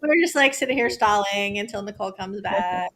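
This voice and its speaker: A woman's voice: medium pitch, lively intonation, brisk, fairly bright tone, slight background noise. A woman guest on a video call, chatting playfully and easily. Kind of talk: casual video-call interview.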